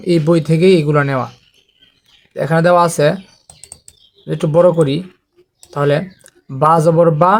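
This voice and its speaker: Male teacher, higher voice, patient, methodical recitation drills. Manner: slow, patient, repeats letter drills. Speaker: Quran reading teacher. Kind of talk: online recitation lesson.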